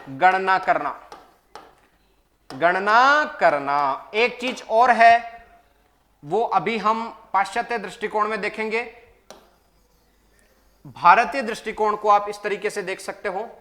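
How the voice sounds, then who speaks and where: A man's voice: sits high, a bit bright. A man teaching a maths exam-prep lecture, asking the class questions and answering them himself, repeating key points. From Rajasthan, India. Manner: calls listeners "bhai".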